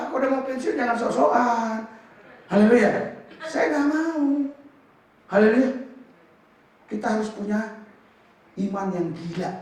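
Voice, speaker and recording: Male pastor, high-pitched, animated storytelling sermon, heavy room echo, off-mic. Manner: lively storytelling with bursts of shouting and laughter. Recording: roomy echo from far off the mic.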